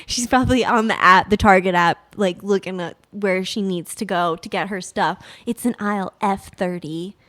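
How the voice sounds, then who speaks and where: A woman co-hosting a podcast in casual chat, teasing her partner and chiming in with quick remarks. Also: medium pitch, a bit bright. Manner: teasing, quick to laugh and chime in. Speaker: podcast co-host.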